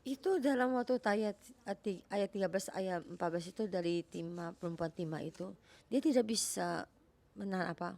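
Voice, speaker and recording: A woman preaching a sermon in a halting way, repeating words for emphasis. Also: mid-range voice, creaky, a little mellow.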